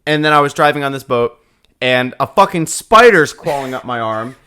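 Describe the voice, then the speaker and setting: A man's voice: medium pitch, moderate pace, smooth. A young man in his twenties on a podcast, casually telling a story with lots of swearing and laughter. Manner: profane, laughing, animated retelling. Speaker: podcast co-host.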